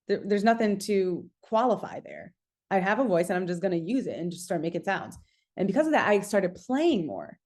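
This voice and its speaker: A woman who is both a podcast host and a singing artist coaches listeners on a casual motivational show, speaking emphatically, repeating key phrases and checking in with the listener. She acts out her own thoughts as quoted lines, and her mid-range voice has a darkish tone.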